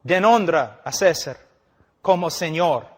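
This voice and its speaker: A middle-aged man preaching a sermon with passion, swinging between loud declarations and hushed emphasis, full of rhetorical questions. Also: a little high, lively intonation, takes it slowly. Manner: rhetorical questions and vivid storytelling. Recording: long reverb of a large hall.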